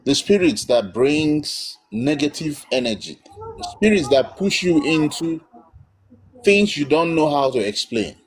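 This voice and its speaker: A man's voice: a little high, very animated, unhurried, slightly rough, poor audio. A man giving emphatic, blunt spiritual counsel as host of a live call-in.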